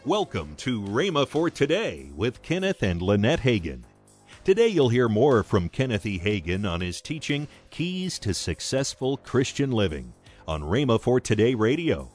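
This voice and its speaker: A man's voice: mid-range voice, sing-song, moderate pace, darkish tone, slightly rough. A man reading a scripted introduction as announcer of a radio program. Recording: voice over faint music. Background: faint music.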